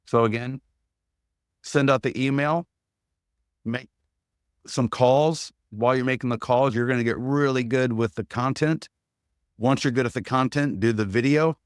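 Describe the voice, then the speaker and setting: A man's voice: mid-range voice, moderate pace, pauses often, clean tone, no room sound, studio quality. A man presenting an instructional webinar, walking through steps as a checklist in an upbeat, practical way.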